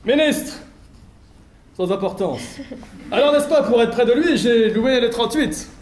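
Glib womanizer, very high voice for a man, bluffing, echoey stage. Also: animated, unhurried, a little mellow. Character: smooth skirt-chasing gentleman, glib fibber. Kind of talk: stage play acting. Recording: echoey theater stage recording.

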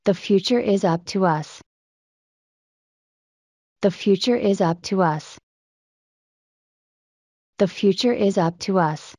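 Female teacher voice, slow repeated phrase drills, plain even reading, dry close sound. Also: mid-range voice, no room sound. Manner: plain, evenly paced model reading. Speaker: English phrase reader.

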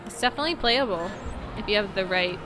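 A young woman doing casual, playful let's play commentary for viewers into a close desk microphone, with expressive reactions. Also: mid-range voice, fast, noisy background. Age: young adult. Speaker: game streamer. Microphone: close desk microphone with headset headphones.

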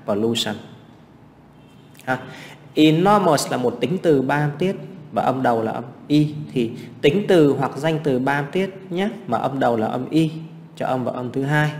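A man's voice: medium pitch, darkish tone, big-room sound, a little hiss or hum. A man teaching English exam practice, explaining answers step by step and asking rhetorical questions.

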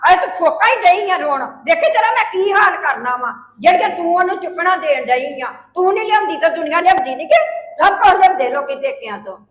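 A woman playing a mother-in-law in a family drama, scolding and sharp-tongued. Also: extremely high pitch, lively intonation, fast, reverberant. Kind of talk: scripted family drama acting.

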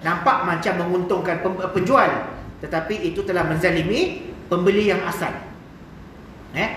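A man's voice: sits high, normal speed, a bit bright, slight background noise. A man with a Malaysian Malay accent giving a chatty mosque hadith lecture, often asking the hall "eh?" and "kan?". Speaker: religious lecturer. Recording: echoey mosque hall, mic far off.

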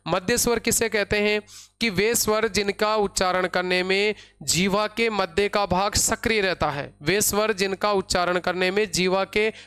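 Smooth-voiced teacher quizzing students. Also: male voice, sits high, fairly even intonation, a bit bright. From India. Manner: repeats key terms and quizzes the class with questions he answers himself; slow, dictating pace when spelling out terms. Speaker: Hindi grammar teacher. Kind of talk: online class lecture.

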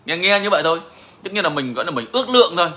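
Man with a slightly high, forceful voice who hosts a casual live Q&A, emphatic and repetitive. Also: sing-song, racing. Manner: emphatic, repeats phrases. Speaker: songbird breeder answering viewers.

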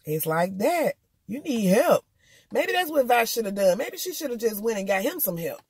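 Husky woman chatting a TV recap. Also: a little high, big pitch swings, normal speed, no echo. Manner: slangy, candid, talks straight to viewers. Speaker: TV episode reviewer. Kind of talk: casual recap chat.

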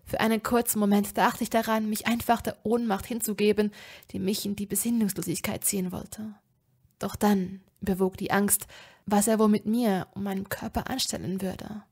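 A woman narrating a fan fiction story in the first person, dropping to a hushed whisper at tense moments. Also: mid-range voice, level tone, normal speed, husky. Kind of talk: dramatic audiobook reading of fan fiction.

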